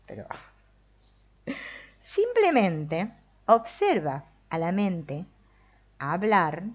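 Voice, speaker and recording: A woman with a Rioplatense Argentine accent gives a relaxed spiritual talk, reading from a book, commenting playfully and acting out the restless mind. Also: mid-range voice. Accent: Rioplatense Argentine Spanish. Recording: dull lo-fi recording.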